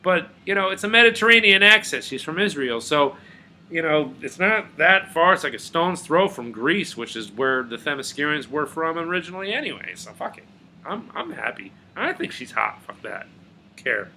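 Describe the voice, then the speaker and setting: A young man rambling in a casual, profane video rant, veering between low mutters and loud outbursts. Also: sing-song, normal speed, slight background noise. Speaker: video blogger.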